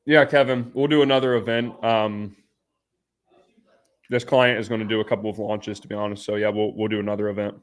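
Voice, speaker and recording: A man's voice: lowish voice, little pitch movement, brisk. Casual, blunt male live streamer. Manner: informal, blunt, bro-style slang.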